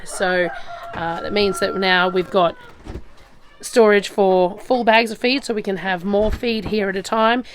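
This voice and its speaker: Gravelly-voiced Australian woman, outdoors among noisy poultry. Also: medium pitch, steady tone, measured pace. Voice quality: gravelly, slightly raspy. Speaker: vlogger showing her homestead. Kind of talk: casual walk-and-talk chat. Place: outdoors by chicken pens on a rural property. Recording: outdoor farm noise, loud poultry. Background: roosters crowing, hens clucking, guinea fowl.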